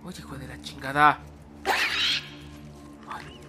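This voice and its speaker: A young Mexican man doing let's-play commentary, muttering hushed self-coaching through stealth with sudden loud outbursts. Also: medium pitch, little pitch movement, slow, over music. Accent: Mexican Spanish. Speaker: gaming streamer.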